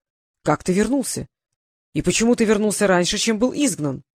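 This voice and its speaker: The audiobook narrator voicing a cold, imperious male transparent god who speaks in measured pronouncements. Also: mid-range voice, lively intonation, dry recording, studio quality.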